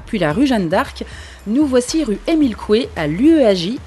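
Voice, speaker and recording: A woman reporting for a radio feature and asking interview questions, in a clear, summarizing way. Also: medium pitch, a little mellow.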